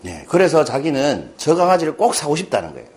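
Over crowd noise, a middle-aged man with a higher-sounding voice speaks quickly in a storytelling lecture for a class. Lively in manner, he keeps turning to the listeners with questions.

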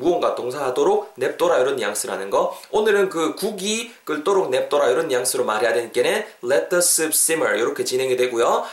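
Guy teaching english phrases on his podcast, lively, drawn-out repeats, mid voice, echoey room. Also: mid-range voice. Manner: lively, drills phrases slowly for repetition. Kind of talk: casual spoken English lesson.

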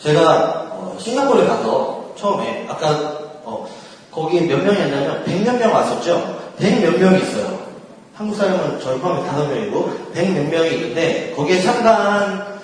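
Man, faith talk to a group, high lively voice, laughs often, miked from far off in an echoey hall. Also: normal speed. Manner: laughs often while talking; acts out quoted prayers and inner thoughts. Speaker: speaker at a church gathering.

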